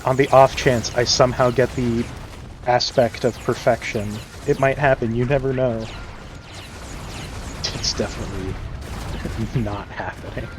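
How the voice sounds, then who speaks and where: A man's voice: medium pitch, fairly even intonation, unhurried, pauses often, background noise. A man streaming a game and chatting casually, rambling with many fillers and frequent chuckles. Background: game music.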